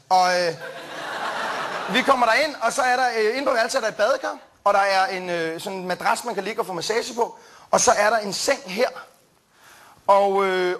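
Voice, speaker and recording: A young man doing stand-up, telling a rambling story with plenty of fillers, restarts and quick jumps into quoted voices. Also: sits high, a bit bright. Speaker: stand-up comedian. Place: comedy stage before a live audience.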